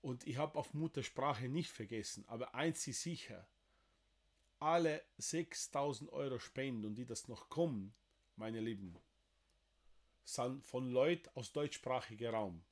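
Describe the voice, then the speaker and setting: Speaking German with a Slovenian accent at a medium pitch, this Slovenian man in his forties appeals to livestream viewers from a wood-panelled room. He hosts with emotional, halting speech packed with fillers.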